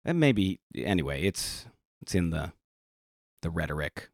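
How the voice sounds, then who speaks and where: Low-voiced american guy opening up on a podcast, lots of restarts, dry close sound. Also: sing-song, gravelly, no room sound. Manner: reflective, halting, many restarts. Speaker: podcast guest. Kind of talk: candid casual conversation.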